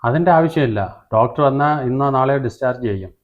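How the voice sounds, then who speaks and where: A man playing a calm, reassuring son. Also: mid-range voice, fast talker, close to an everyday voice. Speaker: son and husband. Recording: tinny, phone-like sound, from a distance.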